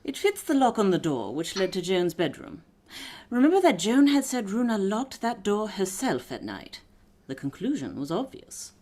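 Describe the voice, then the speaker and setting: A woman playing a shrewd, composed aristocratic lady detective in a period mystery radio drama, measured and authoritative. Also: mid-range voice, sing-song, dark tone. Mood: knowing. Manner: measured, authoritative, deliberate explaining.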